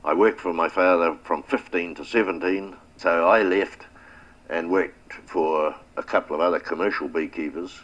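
A man's voice: sits low, moderate pace, fairly bright tone. An older man with a New Zealand accent, telling his family's beekeeping history in a reflective, plain-spoken oral history interview. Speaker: retired beekeeper.

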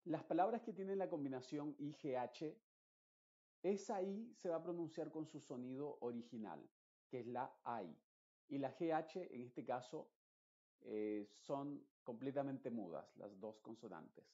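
Guy explaining pronunciation rules, mellow dark voice, kinda dull lo-fi sound. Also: mid-range voice, expressive, a little slow. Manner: explains patiently with many restatements. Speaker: English pronunciation teacher. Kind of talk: explanatory lesson.

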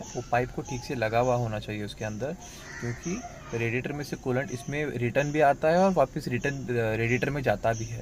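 In this how-to car maintenance video, a vlogger with a mid-range voice addresses viewers as friends while explaining checks beside his car outdoors. It's recorded on a handheld phone, and background noise can be heard.

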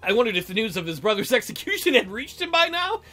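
A man reads a visual novel aloud for a let's-play, full of theatrical jokes, playful commentary, and frequent giggles, with music beneath him. He's a fast talker whose high-sitting voice is bright, forceful, and very animated.

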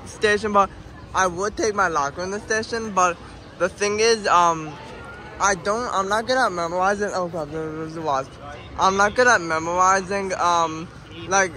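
High-voiced young American man, rambling. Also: pushed and bright, a little hiss or hum, low-quality recording. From Pennsylvania, United States. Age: young adult, late teens. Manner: halting, rambling. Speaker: vlogger. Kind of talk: casual vlog talk to camera. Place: outdoors in an amusement park. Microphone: phone at arm's length.

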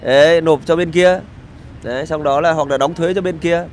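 A vlogger, a middle-aged man, rants on the street in a sarcastic, crude, meandering way, cursing freely. His voice is on the high side, with a steady tone and moderate pace, and a little hiss or hum sits under it.

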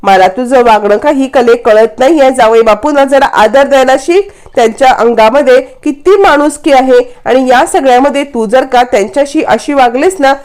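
Woman doing a stern scolding mom, higher voice, indignant. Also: normal speed, few pauses, a little mellow, lightly acted. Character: scolding middle-aged mother, indignant and stern.

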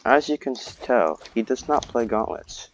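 A young man giving excitable, rambling gameplay commentary and joking at his own expense. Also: medium pitch, normal speed, a little hiss or hum. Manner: excitable, rambling, playfully self-mocking. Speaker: gamer.

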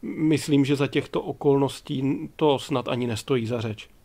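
A man's voice: medium pitch, mellow, natural voice. A man reading as a touchy, proud passenger. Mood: indignant. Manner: offended, indignant.

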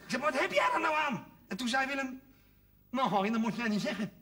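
On stage, a cabaret performer tells a comic story in a very high, fast, animated voice, doing each character's voice as he goes. Recorded live from far away, the audience is audible and laughs often.

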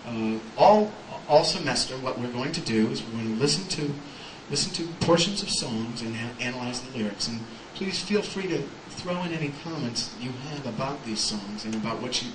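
A man's voice: medium pitch, background noise, lightly acted. A comedian on a club stage playing a pompous male professor who lectures a class in a pedantic, mock-scholarly way. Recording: echoey live club recording from far off, music.

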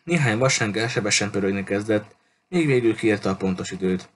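A man reading a children's novel aloud in an unhurried storytelling manner, with small restarts. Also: on the low side. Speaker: audiobook reader.

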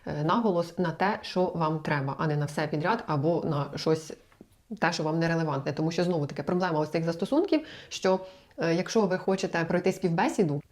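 A woman's voice: lowish voice, darkish tone. A young woman from Ukraine giving language-learning advice in a casual, chatty talk to the camera, explaining with examples and asides.

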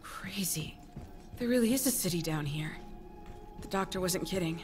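A tense game heroine. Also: female voice, on the low side, expressive, a little slow, a little mellow, faint music behind.

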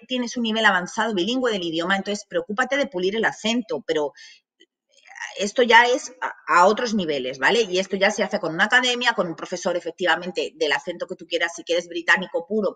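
A Madrid woman in her thirties who directs a language academy gives a chatty online masterclass from her office desk, full of asides and fillers. She has a Madrid Spanish accent and a mid-range voice that is bright and forceful, and the small office is decorated with banners.

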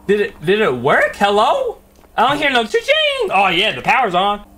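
A young man giving excitable, jumpy gameplay commentary on a horror game, yelling when scared. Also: high voice, normal speed, a little hiss or hum. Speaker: gaming YouTuber.

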